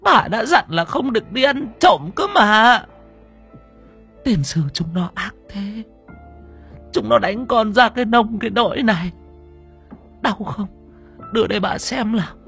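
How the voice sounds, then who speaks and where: A man's voice: sits high, unhurried, vocal fry, long pauses, fairly bright tone, slightly rough, faint music behind, voice pushed up, heavily acted. A man voicing a poor, loving old grandmother over sixty who scolds in fretful exclamations. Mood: scolding.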